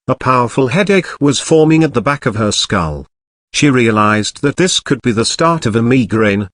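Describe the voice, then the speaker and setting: A man narrates a crime novel with measured, expressive storytelling. His pitch moves in a lively way, and the recording is dry and close. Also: no room sound. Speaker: audiobook narrator.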